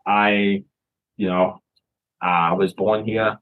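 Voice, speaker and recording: A man's voice: on the low side, level tone, slow pace, narrow, tinny audio. A man from Canada, a filmmaker guest chatting casually in an interview, rambling and often restarting his words.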